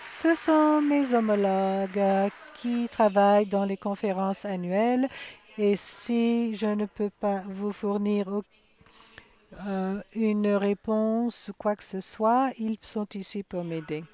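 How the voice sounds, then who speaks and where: A woman giving live interpretation of a conference session, halting, with frequent fillers and self-corrections. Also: mid-range voice, mellow. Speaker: simultaneous interpreter.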